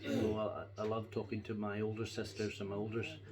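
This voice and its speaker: A man's voice: on the low side, monotone, fast. A middle-aged or older Scottish man chatting casually to camera, reminiscing in a rambling, folksy and reflective way. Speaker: pipe-smoking vlogger.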